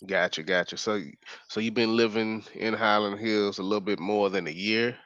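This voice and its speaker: A man with a lowish voice asks his questions slowly and carefully, stopping often on "uh". His voice is dry and close, and the audio is a little dull and lo-fi. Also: steady tone, fairly bright tone, no echo. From Dallas, Texas. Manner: careful, halting questions full of "uh". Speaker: street reporter and interviewer. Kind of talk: community interview.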